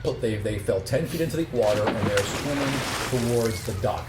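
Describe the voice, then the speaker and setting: A man with a medium-pitched, animated voice speaks at normal speed, casually explaining the scene to players as game master of a tabletop game. The room is echoey, and background noise is clearly audible.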